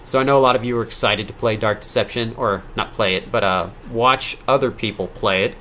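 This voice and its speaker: A tired man in his thirties hosts a late-night live-stream Q&A about his game. His voice sits fairly low, and he rambles and restarts his sentences. A faint hiss runs underneath. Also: steady tone, a little fast, fairly bright tone. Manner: rambling, self-correcting, reads donor questions aloud. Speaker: game developer answering live chat questions.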